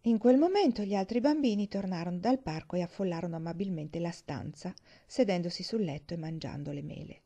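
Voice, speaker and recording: A woman reading a novel aloud as audiobook narration, in a calm, measured way. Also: lowish voice. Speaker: reader. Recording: dull lo-fi recording.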